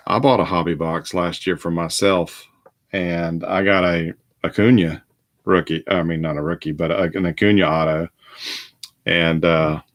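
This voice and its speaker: A tired middle-aged man, hosting a casual live card-break stream and rambling with lots of fillers and restarts. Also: sits low. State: tired, yawning. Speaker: host of a group card break.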